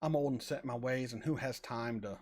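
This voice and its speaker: A reaction channel host in his forties reads chat on a live stream and answers viewers casually. His voice is medium-pitched and a little mellow, and his rambling talk halts often as he stumbles over repeated words.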